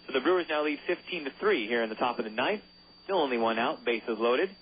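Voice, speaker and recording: A man calls a minor-league baseball game for local radio, relaxed and joking, sometimes tripping over player names. His voice sits in a middle register. It comes through a narrow, phone-like channel with a faint hiss underneath. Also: medium pitch, fairly quick. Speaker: play-by-play announcer. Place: ballpark broadcast booth.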